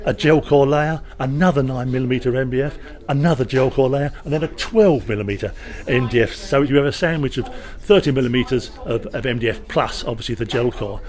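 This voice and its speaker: At a trade show, a company representative with a medium-pitched voice explains a product informally, using emphatic sales patter and wry asides.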